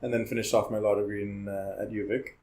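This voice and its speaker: A lowish, slightly mellow male voice talks at a quick pace with flat delivery. The speaker grew up in Hong Kong, is in his forties and works as a criminal defense lawyer, and as a chatty guest on a casual podcast he frequently ends his lines with "right?".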